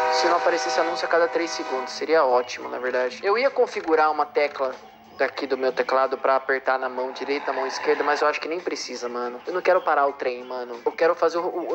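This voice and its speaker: A man doing comedic gameplay commentary, ranting and mocking the ads that keep interrupting him. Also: on the high side. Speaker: game streamer.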